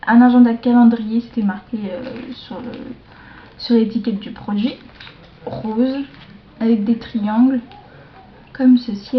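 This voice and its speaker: A woman showing off a shopping haul to her viewers in a casual show-and-tell, hesitant, with many fillers and self-corrections, slipping into soft asides. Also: a little high, slight background noise. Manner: slow, chatty, drops into soft asides. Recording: dull lo-fi home video sound.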